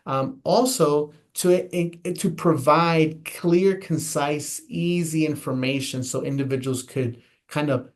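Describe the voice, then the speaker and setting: This American guest elections official has a fairly high voice and speaks slowly with hardly any pauses. Explaining how to vote in an interview, he's earnest and emphatic, frequently restarting and repeating his phrases.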